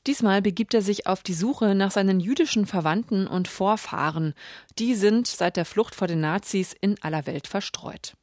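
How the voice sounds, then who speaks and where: A woman radio presenter announcing book reviews in a clear scripted way. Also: medium pitch, moderate pace, darkish tone, no echo, studio quality. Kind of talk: radio culture segment moderation.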